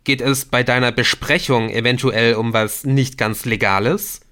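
A man's voice: medium pitch, steady tone, moderate pace, pushed and bright, natural voice. A man reading an audiobook, voicing an affectionate, teasing young man.

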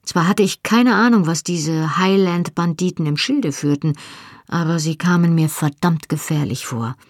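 A first-person audiobook narrator with a husky, slightly raspy tone. The reading is measured and expressive, recorded close and completely dry, with no room around the voice. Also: medium pitch, no room sound.

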